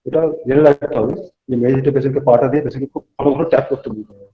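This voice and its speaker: A man teaches students at a hospital bedside, rattling through explanations at a brisk clip. He stops often to check that they follow and to coach the patient. The recording sounds muffled and lo-fi. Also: medium pitch, flat delivery. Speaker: medical lecturer. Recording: dull lo-fi recording.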